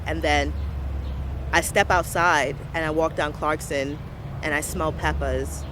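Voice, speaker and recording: Interviewed on the street amid traffic noise, a young Brooklyn woman who runs a local business reflects on her community with earnest passion, repeating words for emphasis. She has a low-pitched voice with a steady tone, speaking a little slowly.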